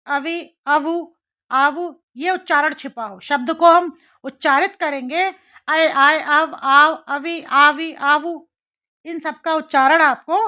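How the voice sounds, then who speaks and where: High-pitched and sharp in tone, a female teacher walks her students through grammar one step at a time, repeating syllables and quizzing them as she goes. The recording is lo-fi and slightly dull.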